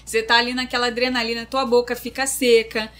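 Female co-host with a high voice, paints the scene with sound effects. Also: level tone, fast, fairly bright tone. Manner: vivid describer with sound effects and repetition. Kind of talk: casual chat.

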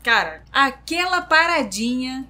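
A woman's voice: high-pitched, very animated, measured pace, sharp tone. A woman co-hosting a casual chat, describing things vividly with sound effects and repetition.

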